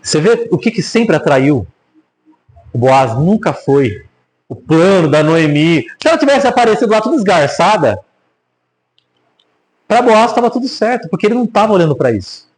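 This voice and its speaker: This Bible teacher has a Brazilian Portuguese accent and a high voice, talking at a moderate pace and pausing often. His casual preaching is lively, full of jokes and rhetorical questions for the audience, though the audio is poor.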